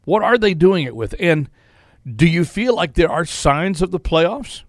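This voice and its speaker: Middle-aged male sports talk host, slightly high voice, dry close studio sound, loose and rambling with chuckles. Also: animated, unhurried, no room sound. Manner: rambling, with many restarts and chuckles. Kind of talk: casual sports talk radio monologue.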